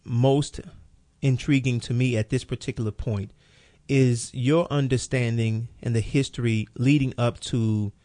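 A man's voice: mid-range voice, fairly even intonation, unhurried, warm tone, no room sound. A man hosting a radio program, talking in a casual, rambling way as he sets up questions for a guest. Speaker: radio show host. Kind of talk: radio interview.

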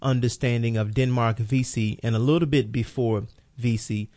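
A man's voice: mid-range voice, steady tone, normal speed, a little mellow, dry recording. A man hosting a radio program, talking in a casual, rambling way as he sets up questions for a guest. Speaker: radio show host. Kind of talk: radio interview.

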